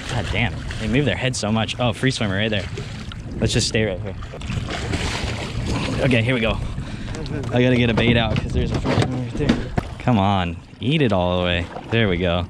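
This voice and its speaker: A man chatting excitedly while fishing from a boat in open ocean, swearing often and laughing between remarks, recorded on a head-mounted camera. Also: fairly low pitch, normal speed, pauses often. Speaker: angler filming his fishing trip. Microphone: head-mounted action camera. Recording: outdoor boat noise and wind.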